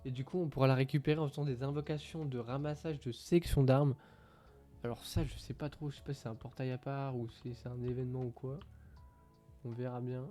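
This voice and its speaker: A man with a dark, mellow voice reads game patch notes in a relaxed streaming style, stumbling over English terms and filling pauses with "uh". Faint music plays in the background, and his pitch sits in the middle range. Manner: hesitant, many fillers, reads translated text aloud. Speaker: gaming streamer.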